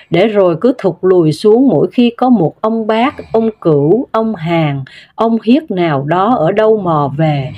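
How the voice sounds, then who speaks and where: A woman narrating a story in a steady, measured way, with scripted storytelling delivery. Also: medium pitch, muffled recording.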